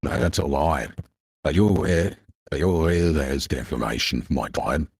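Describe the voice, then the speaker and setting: Man, deep pitch-shifted voice changer, very low, husky, pompous, threatening, repetitive, caller. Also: moderate pace, dry recording, studio quality. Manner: pompous, threatening, repeats himself. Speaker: caller posing as a lawyer. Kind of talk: call on a voice chat.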